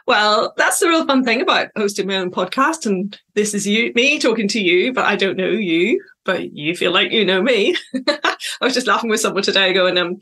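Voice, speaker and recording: A woman speaks close to the mic in a solo podcast episode, in a voice of ordinary middle pitch. She talks in a loose, reflective way, wandering into tangents and filling pauses with ums and little laughs. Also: expressive, a bit bright, husky. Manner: chatty, reflective, digressive with frequent fillers and laughs. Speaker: podcast host and coach.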